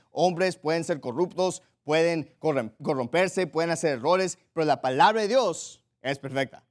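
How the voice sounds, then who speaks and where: A pastor preaching a sermon emphatically, repeating his points, checking in with the congregation and reading Bible passages aloud. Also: on the high side. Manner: directs listeners to Bible passages and reads them aloud.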